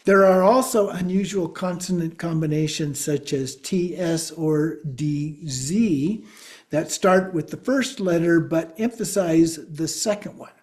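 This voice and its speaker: A man lecturing slowly and patiently, walking his class through each point and pausing to check they follow. His voice sits a little high for a man, with a soft, mellow tone. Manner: patient, explaining step by step, checks in with "okay?". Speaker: Buddhist teacher.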